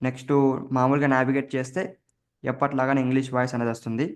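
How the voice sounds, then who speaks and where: A man's voice: mid-range voice, level tone, very fast. A man hosting a computer tutorial, explaining each keystroke as he presses it in a casual way. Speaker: tech tutorial host. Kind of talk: step-by-step screen recording tutorial.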